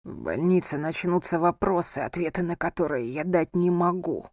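A woman reading a novel aloud and voicing a badly wounded young husband who talks quietly and with strain. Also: on the low side, expressive, normal speed, dry recording, clean studio sound. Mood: weak, steady. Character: wounded young husband, weak, hushed, stoic. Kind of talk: audiobook character voice.

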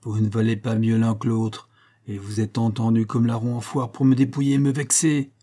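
A man's voice: mid-range voice, level tone, moderate pace, mellow, close to an everyday voice. A man reading aloud voicing an impatient, superstitious old father who grumbles and grows exasperated. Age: older.

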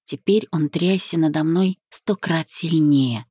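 A woman reading a first-person audiobook in a calm, reflective way. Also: deep voice, unhurried, husky, dry recording, studio quality. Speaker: audiobook narrator. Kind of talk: scripted first-person narration.

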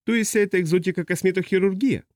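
A man's voice: fast talker, a little mellow, no echo, studio quality, natural voice. A man doing a jittery prim customs officer. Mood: nervous. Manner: high, fretful, fussy. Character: nervous young male customs officer, prim.

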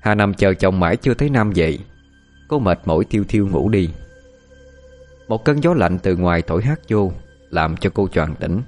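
Male horror-story narrator, very low voice, steady delivery, soft music bed. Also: normal speed.

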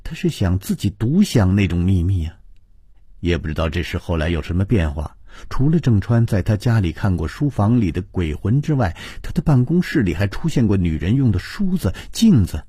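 A man's voice: low-pitched, very animated, moderate pace, warm tone, slightly rough, no room sound, clean studio sound. A man narrating a ghost story with suspense, his voice rising and falling expressively. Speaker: audiobook narrator.

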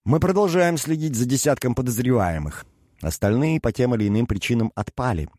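A man's voice: medium pitch, animated, brisk, mellow, no room sound, clean studio sound, voice pushed up, natural voice. A man voicing an obsequious, scheming servant who deferentially calls his master "messer". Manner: deferential, ingratiating. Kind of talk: audiobook character reading.

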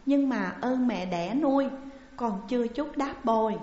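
A woman voicing a sheltered young noble daughter who is grief-stricken and dutiful, speaking in a high, tearful, pleading voice. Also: unhurried, mellow, close to an everyday voice. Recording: dull, echoey recording with long reverb.

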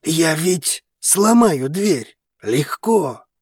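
A possessive dragon man, voiced by a male reader, holds back his temper in short, tense phrases pitched a little above the reader's own voice. His tone has a husky edge. The recording is close and dry. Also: big pitch swings, unhurried, a little mellow, no echo, exaggerated voice. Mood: restrained insistence. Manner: tense, clipped, growling.

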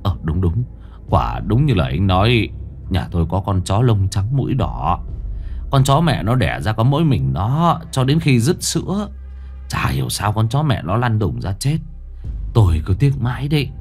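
Một người đàn ông kể chuyện đóng vai một ông lão quê hay lo, than thở và lắp bắp vì sợ. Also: male voice, on the low side, very animated, normal speed, a little mellow. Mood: lamenting. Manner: lamenting, stammering. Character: frightened old village man, fretful and deferential.

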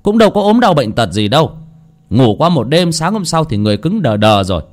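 A man's voice: on the high side, sing-song, a little fast, darkish tone, pitched above the performer's own voice. A man voicing a stern older village chief who scolds and lectures the villagers with authority. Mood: lecturing.

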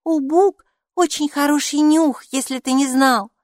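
A woman voicing an eager six-year-old girl who argues back readily, in a high, childlike voice for a storybook. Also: steady tone, measured pace, no room sound, clean studio sound. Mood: indignant.

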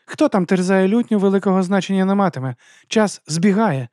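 A sharp, impatient woman schemer, as a male audiobook reader puts her on, curt and commanding. The voice sits high and quick, clipped and scornful, in a dry, close recording. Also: animated, no echo. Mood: brisk, scornful. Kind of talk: audiobook character voice.

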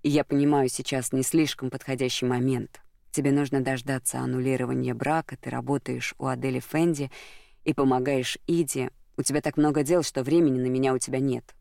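A gentle, earnest lawyer in love, played by an audiobook reader, soft and caring in tone with a gravelly texture. The sound is dry and close. He speaks seriously and tenderly, like a leading man in a romantic audiobook. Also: mid-range voice, steady tone, a little fast, no room sound, lightly acted.

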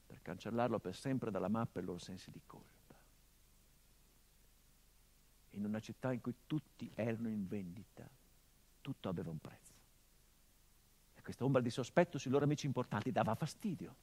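With a husky voice on the low side, a stage actor gives a sardonic, biting theatrical monologue as a middle-aged son grieving his murdered father, veering from hushed murmurs to impassioned outbursts.

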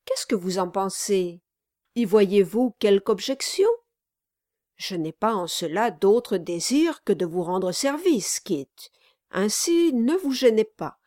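A woman's voice: mid-range voice, lively intonation, slow, warm tone, no echo, studio quality. A woman voicing an oily, scheming middle-aged male lawyer in an audiobook, speaking in a honeyed, falsely cheerful way. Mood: wheedling.

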